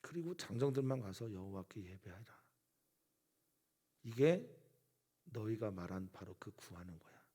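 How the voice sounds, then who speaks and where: A man's voice: lowish voice, expressive, measured pace, pauses often, warm tone, slightly rough. A man preaching who voices a scornful, stubborn king in a taunting, dismissive way. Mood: mocking.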